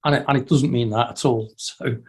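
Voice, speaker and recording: A man's voice: medium pitch, fairly even intonation, brisk, slightly rough. A man hosting a casual group chat over a video call. He talks in a loose, friendly way and often stumbles and restarts his sentences. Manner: chatty, many restarts. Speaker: host.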